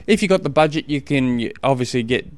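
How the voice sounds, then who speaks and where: Casual Australian man podcasting, clear dry sound. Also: mid-range voice, animated, brisk, no room sound. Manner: informal and colloquial, rambling and often rephrasing mid-sentence. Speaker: podcast host and endurance sports coach. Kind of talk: casual solo podcast advice talk.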